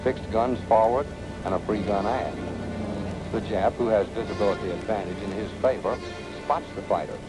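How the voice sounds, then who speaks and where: Heard on a 1940s film soundtrack with music, an American man's voice on the low side narrates a military training film at a moderate pace. His storytelling is punchy, colloquial, and dramatic, and the audio is poor.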